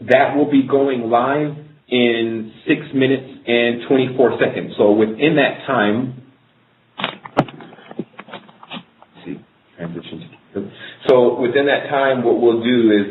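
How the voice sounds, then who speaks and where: A man's voice: mid-range voice, takes it slowly, long pauses, a little hiss or hum. A man hosting a live internet radio show from an office, talking loosely and rambling while he sorts out technical problems on air. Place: office in a corporate building. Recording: echoey, tinny phone-like line.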